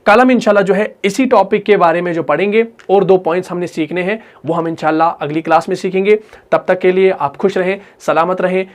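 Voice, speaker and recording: A man with a Pakistani Urdu accent teaching Quran recitation in an online lesson, patient and repetitive, drawing out his example words slowly. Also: high voice, fairly even intonation. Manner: patient, repetitive, slow drawn-out demonstrations.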